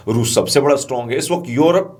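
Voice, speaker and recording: A man's voice: medium pitch, darkish tone. A man from Pakistan giving conversational news commentary, chatty and digressive, full of asides and fillers.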